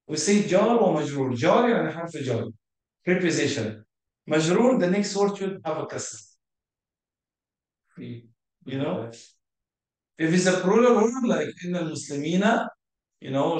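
A man teaches grammar at a slow, unhurried pace, his fairly high voice explaining each point patiently. He switches between English and as he goes. The sound rings heavily around a very echoey room. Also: darkish tone. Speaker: Arabic teacher. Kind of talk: grammar lesson.

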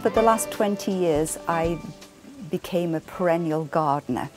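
A woman in her sixties with an English accent, a fibre artist speaking reflectively in a documentary interview, pausing often with ums. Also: on the low side. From England. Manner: reflective, soft-spoken, many ums and uhs. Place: home craft room. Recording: soft music underneath.

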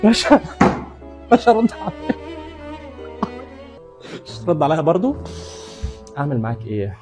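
In a comedy sketch, an actor with an Egyptian Arabic accent plays a cheeky neighborhood barber, an adult man who teases his customers nonstop with rapid-fire jokes and banter. His voice is fairly high with big pitch swings and a darkish tone, over soft background music.

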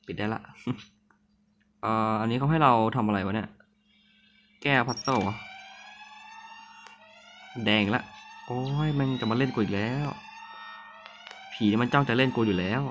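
A man's voice: mid-range voice, measured pace, long pauses, fairly bright tone, highs cut off, slight background noise. A man giving nervous, jumpy commentary on a horror game, sick with a voice that sounds off, and often apologizing to viewers. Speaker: gamer. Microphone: phone mic.

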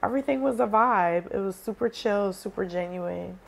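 A woman's voice: medium pitch, moderate pace, vocal fry. A woman in her twenties chatting casually as a podcast guest, blunt and slangy. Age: 20s. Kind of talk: casual chat. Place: small studio set on a couch, indoors.

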